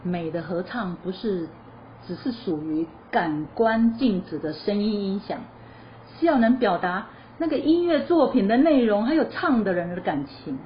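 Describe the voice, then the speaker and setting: A woman's voice: mid-range voice, normal speed. Woman teaching choir singing, chatty. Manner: lively explanatory, sings short demo phrases; chatty, asks questions then answers them. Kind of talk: spoken music lesson. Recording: slightly dull lo-fi recording with faint noise.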